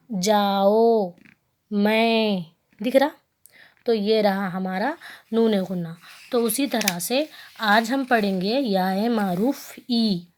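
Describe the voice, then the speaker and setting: A woman with a Hyderabadi Urdu accent teaching young children to read, patiently asking questions, repeating herself and spelling out letter sounds slowly. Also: fairly high pitch. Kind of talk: children's Urdu reading lesson.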